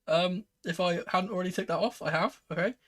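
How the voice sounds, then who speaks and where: A man's voice: high-pitched, a little fast. Man doing live football watchalong commentary. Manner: excitable, swearing, shifting from murmured play-by-play to raised exclamations. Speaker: host of a football watchalong stream. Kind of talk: live football commentary with casual fan reactions.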